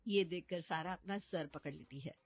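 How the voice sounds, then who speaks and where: A woman's voice: fairly low pitch, normal speed, muffled recording. A woman narrating a storybook family drama, with background music. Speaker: narrator voicing several characters. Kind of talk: storybook narration with acted dialogue.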